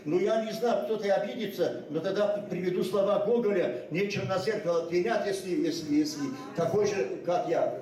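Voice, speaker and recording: An older guest speaker at a memorial ceremony talks off the cuff in a reverberant school hall, his high voice a little mellow and picked up by a distant mic. Ossetian is his native tongue, and he falters often, restarting sentences as he goes.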